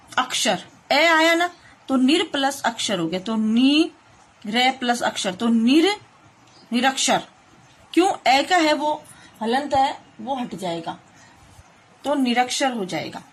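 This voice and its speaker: A woman teacher talks through a lesson at an unhurried, deliberate pace. She explains each step patiently and keeps asking her pupils checking questions. Her voice sits high and has a slightly husky edge. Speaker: schoolteacher. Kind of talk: online grammar lesson for children.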